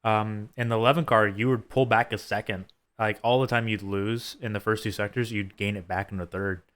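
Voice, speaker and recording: A man working as a race engineer, chatting through a post-race debrief in a halting, think-aloud way. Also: lowish voice, steady tone, fairly bright tone.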